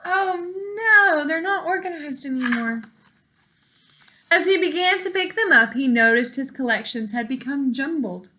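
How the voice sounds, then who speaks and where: A woman reading a picture book aloud to children in an expressive, teacherly way, pausing to explain words and put questions to young listeners. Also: sits high, a little hiss or hum.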